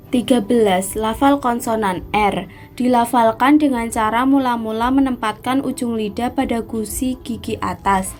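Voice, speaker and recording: Woman, fairly high voice, reading a lesson, counting off the steps. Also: a little mellow. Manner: numbered, step-by-step recitation. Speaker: student presenter. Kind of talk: reading a phonetics explanation aloud.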